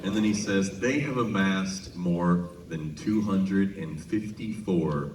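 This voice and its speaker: Between songs at a big casino concert venue, a low-voiced singer from Minnesota entertains the audience with humorous stories. He keeps it conversational and holds deliberate pauses before the punchlines. The live hall is echoey, and the PA comes through distant and noisy.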